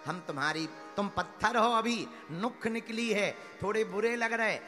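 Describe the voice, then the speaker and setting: A man's voice: high-pitched, unhurried, bright, forceful tone. A man voicing a blunt, practical male sculptor inside a parable, coaxing and firm. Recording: echoey hall with faint music.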